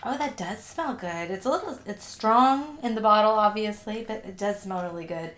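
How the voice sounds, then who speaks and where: A woman's voice: mid-range voice, moderate pace, fairly bright tone. A young woman with a stuffy nose from allergies, chatting upbeat through a casual haul video at home. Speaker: vlogger. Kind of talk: casual unboxing haul vlog. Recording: echoey room.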